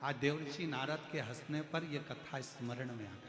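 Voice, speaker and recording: A man's voice: medium pitch, moderate pace. A man telling a devotional story sermon, emphatic, stacking repeated words and titles. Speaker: religious storyteller. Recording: echoey hall with faint music.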